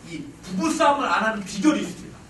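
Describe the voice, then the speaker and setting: A man in his forties giving a lively parenting lecture to an audience, acting out family dialogue and joking with the room. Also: sits high, fast talker. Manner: animated, acts out family dialogue, jokes with the audience. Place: lecture hall. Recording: echoey hall, distant mic, noisy.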